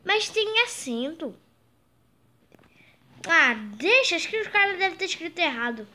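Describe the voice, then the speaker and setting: A young man plays a gentle cartoon fish boy who has become a baby and eagerly explains what is going on. The voice is very high and the pace is slow. It is a casual Minecraft role-play performance. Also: sing-song, full character voice. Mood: puzzled.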